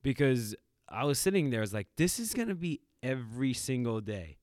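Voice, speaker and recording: Speaking a little fast in a medium pitch, a middle-aged man shares reflective, animated stories while co-hosting a casual podcast, often using fillers and starting over. The sound is dry and clean, as from a studio.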